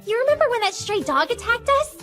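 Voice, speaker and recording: A woman in an English anime dub voicing a girlish, affectionate teenage daughter with a gushing, expressive delivery. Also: very high voice, quick pace. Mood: flustered. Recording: music behind the voice.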